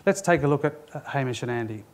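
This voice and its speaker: A man, a former radio executive, giving a measured, explanatory presentation at a conference and addressing the audience directly. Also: mid-range voice, animated.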